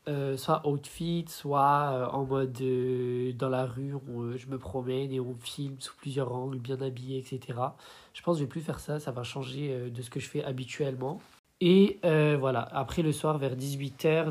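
A woman's voice: very deep voice, darkish tone, breathy edge. A young woman hosting her own podcast in casual chat, stuffy with a head cold, rambling with many fillers. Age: young adult. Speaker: podcast host.

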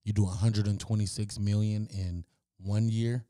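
A man co-hosting a podcast in casual chat, laying out facts in a relaxed, laid-back way. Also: fairly low pitch, normal speed. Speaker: podcast co-host.

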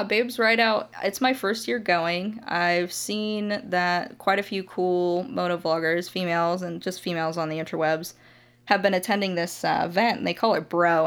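A woman's voice: fairly low pitch, a bit bright. A young adult woman from Ohio, a motovlogger guest chatting casually on a podcast, laughing often.

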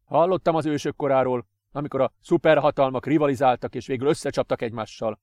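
A man's voice: mid-range voice, steady tone, no room sound, studio quality, natural voice. Man doing a desperate, defiant father. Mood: pleading. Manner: loud, pleading.

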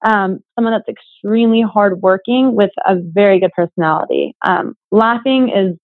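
A woman's voice: medium pitch, moderate pace, no echo, phone-quality sound. A young woman chatting casually as an interview guest, a fitness coach with a bubbly, giggly manner.

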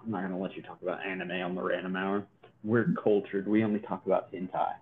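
A man's voice: low voice, flat delivery, fast talker, slight background noise. Joking podcast man on a tinny line. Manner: joking, rambling with many restarts. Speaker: podcast co-host. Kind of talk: casual podcast chat. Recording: tinny phone-like sound.

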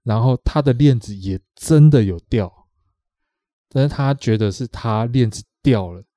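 On this podcast, the co-host, a Taiwanese Mandarin-accented man, meanders through a casual story, going over the same points and voicing other people's lines. He speaks unhurriedly in a medium-pitched, dark voice, captured in a clean studio with no room sound.

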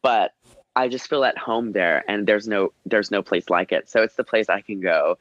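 A man, a drag performer, chatting as a guest with a groggy voice and an animated storytelling manner. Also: normal speed, no room sound. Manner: animated storyteller, pitch jumps high when excited. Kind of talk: casual interview chat. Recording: slightly dull, dry audio.

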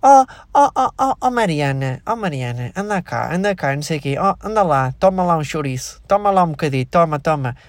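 A man's voice: a little high, lively intonation, fairly quick, few pauses, no echo, close to an everyday voice. A man voicing a pushy older uncle who coaxes a child in a wheedling, insistent way. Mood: coaxing.

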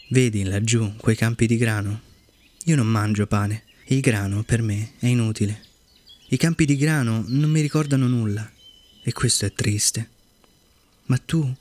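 Wise gentle fox, storybook reading, a man doing her in a mid-range voice, slow and earnest. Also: medium pitch, natural voice. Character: wise lonely female fox, patient and gentle.

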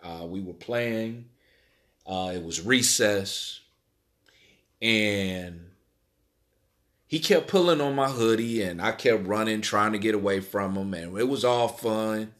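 Middle-aged man from Illinois, interviewee, lowish voice, slow and halting. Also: a bit bright. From Illinois, USA. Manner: halting, repeats words, many fillers. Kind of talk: personal storytelling.

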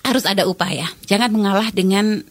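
Middle-aged woman, advice speaker; direct, chatty, animated storyteller. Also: mid-range voice, brisk, no echo. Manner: direct, addresses listener as "Anda". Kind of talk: conversational advice talk.

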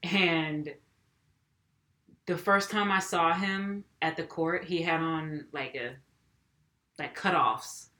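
A young woman chatting casually, with a lowish, bright and forceful voice. She laughs often and fills her talk with "like". The room has a clear echo around her. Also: slow pace, long pauses. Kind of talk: casual chat. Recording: echoey room.

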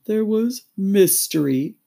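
A woman voicing a sad, weepy old male turtle creature in a storybook, speaking very slowly and mournfully with drawn-out words. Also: medium pitch, lively intonation, creaky, mellow, voice pushed up, full character voice. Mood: slow, doleful. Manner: very slow, drawn-out, mournful delivery with sighs.

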